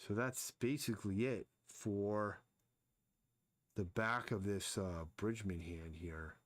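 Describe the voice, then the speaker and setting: A man's voice: lowish voice, slow pace, dry recording. A man casually thinking aloud as he sketches and explains anatomy during a live drawing stream. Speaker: artist streaming his drawing.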